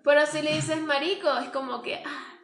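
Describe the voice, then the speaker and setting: A high-pitched woman with a Venezuelan accent chats in a loose group podcast. She is animated and laughs easily. Her voice rings in a roomy, echoey space. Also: normal speed, over music. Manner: animated, laughs often, quotes phrases in put-on tones. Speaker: podcast co-host. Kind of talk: casual group chat. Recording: echoey room.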